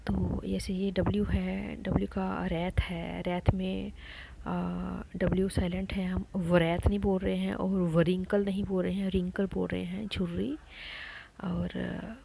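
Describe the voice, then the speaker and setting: A woman explains a lesson at a slow, patient pace, repeating each word and pausing often with fillers. Her voice has a gravelly, creaky edge. The recording was made at home and has loud noise underneath. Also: medium pitch, level tone, poor audio. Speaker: teacher running an education channel. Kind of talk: slow spoken lesson on spelling.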